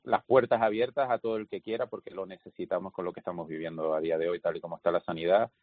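A man interviewed as a health official, explaining in a lively, anecdotal way. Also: low-pitched, quick pace, no echo. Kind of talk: phone interview. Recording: dry, tinny phone line.

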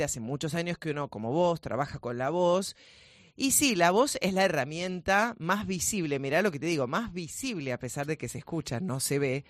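A woman voice coach with a Rioplatense Spanish accent, speaking in a powerful, loud, vehement way as a guest in a radio studio. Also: sits low, no room sound. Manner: vehement, lively teaching tone.

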